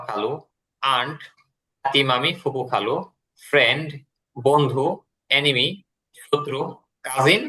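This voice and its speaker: Bright-voiced teacher explaining patiently. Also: male voice, mid-range voice. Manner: explains patiently, repeating words and translations. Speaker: English teacher. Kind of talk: classroom lesson.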